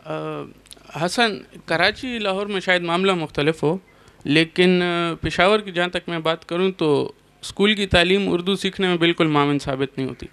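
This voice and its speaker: A young adult man from Peshawar, Pakistan, a translator on a panel, speaking in a slow, measured way. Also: sits high, creaky, fairly bright tone, clean tone.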